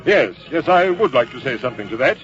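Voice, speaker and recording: A pompous, haughty British general commanding redcoats speaks in a medium-pitched male voice that is sing-song, fast, a bit bright and swooping, drawling with rhetorical hesitations and repetitions. It is old-time radio drama acting on a muffled vintage recording with music behind.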